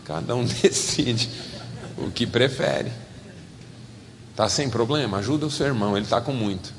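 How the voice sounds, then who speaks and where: A man with a Brazilian Portuguese accent preaching a sermon as a pastor, animated and swinging from loud to soft. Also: medium pitch, moderate pace, big-room sound, background noise.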